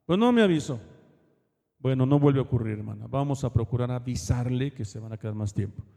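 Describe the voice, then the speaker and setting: A man's voice: medium pitch, lively intonation, a little fast, vocal fry, warm tone, big-room sound. A man preaching a sermon in a casual, conversational way, often checking in with his congregation. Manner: colloquial, asks the congregation "¿verdad?" often. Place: church hall.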